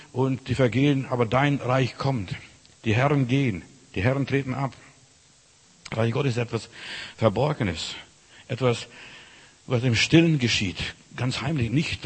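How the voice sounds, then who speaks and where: Male pastor, mid-pitch husky voice, fervent informal sermon, long hall reverb. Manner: addresses listener as du, emphatic preaching.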